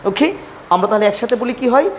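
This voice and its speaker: A woman's voice: fairly high pitch, animated, fast, darkish tone, slight background noise. A woman teaching English pronunciation, repeating each letter sound and correcting common mistakes. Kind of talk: pronunciation lesson, drilling letters.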